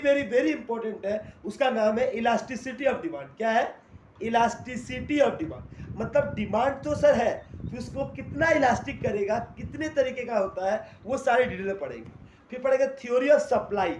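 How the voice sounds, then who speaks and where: A man teaching a class in Hindi mixed with English terms, asking questions and answering them himself. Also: very high-pitched. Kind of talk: classroom lecture. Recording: echoey room, faint noise.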